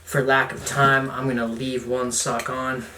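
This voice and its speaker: A man's voice: medium pitch, little pitch movement, measured pace, pushed and bright. A young man vlogging casually at home, chatty and self-mocking, with jokey asides as he unpacks gear. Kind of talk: casual unboxing vlog. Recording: roomy, distant camera mic, noisy.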